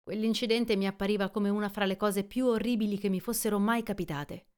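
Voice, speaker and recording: Woman, audiobook narration, scripted reading, measured and even, smooth clear voice. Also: mid-range voice. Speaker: audiobook reader.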